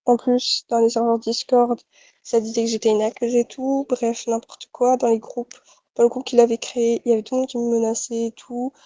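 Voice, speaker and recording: A woman's voice: fairly high pitch, little pitch movement, fairly quick, warm tone, no room sound. A young woman giving a casual, rambling testimony full of fillers. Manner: rambling, many fillers like "et tout" and "bref". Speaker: testimony giver.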